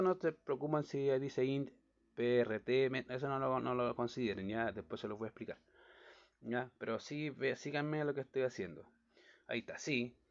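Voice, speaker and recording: A man teaching a recorded lesson on diagramming Bible verses, explaining step by step and checking in with his listeners often. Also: medium pitch. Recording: dull lo-fi recording.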